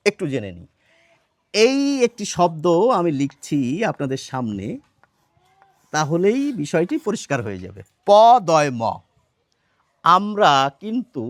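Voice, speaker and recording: A man teaching standard pronunciation in a measured explanatory lesson, often pausing with "ah" and asking viewers questions. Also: high voice, no echo, studio quality. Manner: measured, addresses viewers directly with questions, frequent "ah" fillers.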